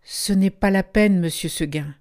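A woman voicing a headstrong young female goat in a storybook reading, soft and pleading but stubbornly polite. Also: medium pitch, moderate pace, natural voice.

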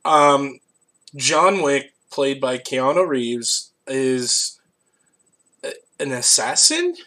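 A man's voice: mid-range voice, big pitch swings, drawn-out words, pushed and bright. A man co-hosting a podcast, talking casually about movies in an easygoing way. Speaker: podcast co-host. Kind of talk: casual chat.

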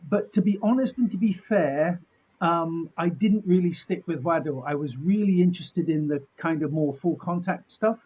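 A middle-aged man from chats through his anecdotes on a muffled recording. His voice is high for a man and rough-edged, and he tells things jokingly, at his own expense, acting out remarks as he goes. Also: moderate pace. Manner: jokey, self-deprecating, mildly sweary, acts out remarks. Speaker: martial artist being interviewed. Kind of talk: animated anecdotal storytelling in casual chat.

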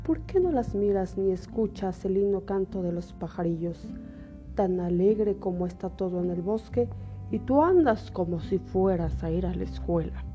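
A woman voicing a sly, hungry male storybook wolf in a slow, drawn-out wolf voice. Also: medium pitch, expressive, mellow, natural voice. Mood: coaxing. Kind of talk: storybook character acting. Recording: music behind the voice.

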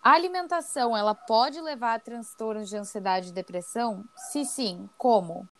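A woman's voice: on the high side, normal speed, a little hiss or hum. A young woman hosting an interview, asking questions and answering with short affirmations. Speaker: host, project coordinator.

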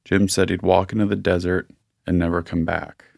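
A man's voice: low voice, level tone, moderate pace, gravelly, a little mellow, no echo, clean studio sound. A man co-hosting a podcast, chatting casually and a bit rambly, with lots of "like" fillers. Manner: rambling, many "like" fillers, enthusiastic. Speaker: podcast co-host. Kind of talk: casual chat.

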